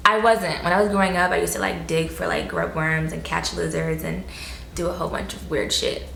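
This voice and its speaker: A woman's voice: fairly low pitch, little pitch movement, brisk, vocal fry, fairly bright tone, echoey room, slight background noise. A woman from South Florida, chatting loosely as an interview guest, full of fillers and casual swearing.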